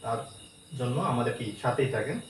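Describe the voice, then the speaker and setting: A man's voice: mid-range voice, steady tone, slight background noise. Man teaching pronunciation, repeats words, distant from mic, roomy echo, faint crickets behind. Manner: explains slowly, repeats words for emphasis. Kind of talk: casual spoken lesson. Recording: echoey room from far off.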